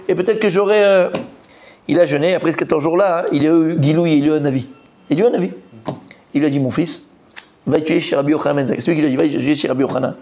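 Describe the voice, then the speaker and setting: A man, a rabbi, teaching a Talmud class in a lively, repetitive storytelling manner that acts out the characters. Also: on the high side.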